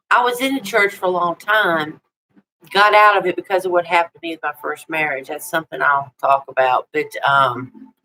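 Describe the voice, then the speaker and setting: A woman's voice: fairly low pitch, bright, forceful tone, poor audio. A woman of sixty with a Tennessee accent, chatting casually and folksily with viewers on a live stream. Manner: folksy, chatty, with homespun exclamations.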